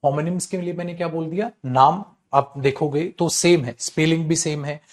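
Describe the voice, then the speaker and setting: A man lectures a class on English words. He speaks in a lively, animated way and repeats key points again and again. His voice sits a little high for a man. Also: normal speed. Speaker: English teacher.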